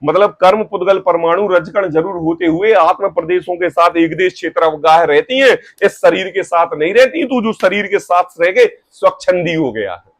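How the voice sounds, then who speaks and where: A man teaching scripture in a religious discourse, reading passages slowly and explaining them with rhetorical questions and everyday examples. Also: high voice, no room sound. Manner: reads text slowly, then paraphrases.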